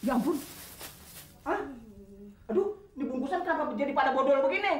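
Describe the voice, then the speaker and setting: A woman's voice: sits high, animated, a little fast. A woman playing a brash, slangy, cheeky household helper in a sitcom. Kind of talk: sitcom acting. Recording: roomy set with loud music.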